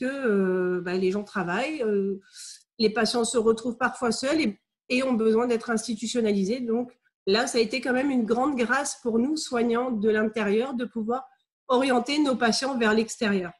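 A woman's voice: on the high side, normal speed. A middle-aged woman, a carer in palliative care, speaking over a video call, with frequent hesitations. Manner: hesitant, many fillers. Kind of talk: panel testimony. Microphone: laptop webcam on a video call.

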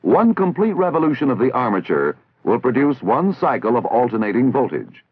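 Here a slightly rough, medium-pitched American man narrates a 1960s military training film in a sing-song way while keeping formal, measured, didactic enunciation. It's a dry recording with the tinny, band-limited character of period film audio.

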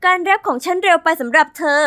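A young woman narrating her own animated story as its heroine, chatty, dramatic and confiding. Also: very high-pitched, fast talker, no echo, clean studio sound, exaggerated voice.

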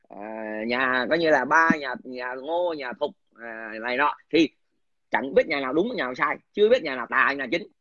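A man's voice: fairly high pitch, sharp tone, no echo. A man in a crude, aggressive, profanity-filled rant, scornfully talking down to his listener. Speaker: political commentator. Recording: dull lo-fi dry recording.

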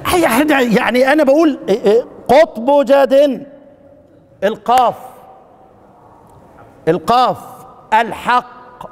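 In a large mosque lesson hall, a man with an Upper Egyptian Arabic accent teaches Quran recitation in a casual classroom lecture. His voice is extremely high with lively intonation, normal pace, and frequent pauses, and he quizzes his students and jokes with them.

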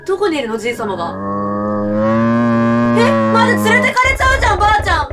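Very high-pitched excitable woman gamer. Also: fast talker, distant mic, music in the background. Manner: excitable, frightened reactions and shouts. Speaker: horror game streamer. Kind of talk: let's play commentary.

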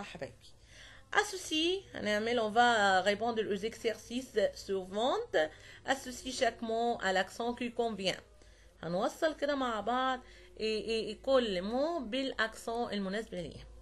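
A woman's voice: a little high, fairly bright tone. Patient Egyptian woman teaching French. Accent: Egyptian Arabic. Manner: patient, repeats words slowly and checks understanding. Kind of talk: online French lesson for young students.

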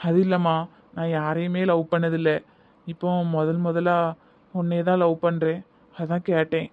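A man's voice: a little high, monotone, normal speed, clean tone, no echo, narrow, tinny audio, lightly acted. A man voicing an earnest, eager young groom who coaxes and repeats small requests, with a Tirunelveli accent, for a comedy cartoon. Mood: coaxing. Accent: Tirunelveli Tamil. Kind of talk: cartoon voice acting.

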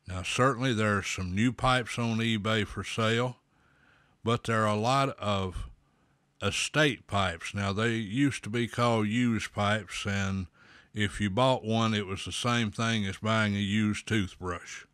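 Slow-talking guy with a pipe in his mouth, kinda low voice, dry close sound. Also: fairly even intonation, fairly bright tone, no echo. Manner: measured, folksy, with pauses and fillers. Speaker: host. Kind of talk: slow, deliberate explainer talk.

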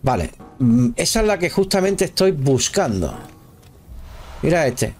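A man's voice: fairly high pitch, very animated, a little slow, a little mellow. A man giving casual live commentary while playing a video game, chatting with viewers and exclaiming at the action. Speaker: gameplay streamer.

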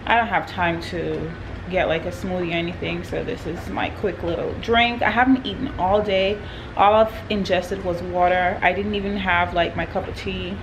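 A woman's voice: lowish voice, steady tone, moderate pace. Chatty woman vlogging to a handheld camera. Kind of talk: casual day-in-the-life vlog. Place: home kitchen and car. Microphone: phone or camera held at arm's length. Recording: noisy background, car air conditioning.

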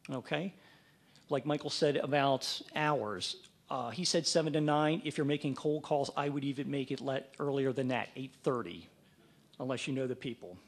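A man's voice: medium pitch, moderate pace. A man from the Mid-Atlantic United States giving a practical training talk, acting out sample phone calls. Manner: practical, plain-spoken, role-plays phone calls. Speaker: fundraising trainer.

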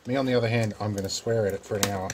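A man's voice: lowish voice, steady tone, very fast, heavy background noise. A middle-aged Australian man hosting a casual how-to vlog, chatty and rambling with wry asides. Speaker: repair channel host.

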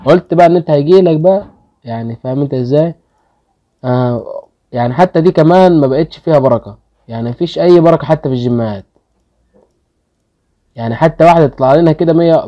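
A man's voice: on the high side, quick pace, long pauses, dark tone, muffled recording. A man with an Egyptian Arabic accent hosting a casual gaming video, pleading with his luck and grumbling when the results go badly. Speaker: gaming channel host.

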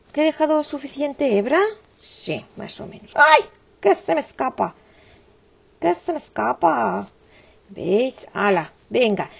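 Woman chatting thru a crochet tutorial, lots of little exclamations, raspy husky voice. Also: high voice, a little mellow, highs cut off. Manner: chatty, affectionate, many diminutives and exclamations. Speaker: crochet teacher.

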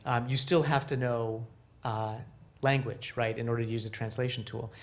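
A man's voice: mid-range voice, moderate pace. Middle-aged guy on a panel stage, handheld mic, loose and chatty with lots of ums. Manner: casual, animated, many fillers and restarts. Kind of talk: panel discussion. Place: conference stage.

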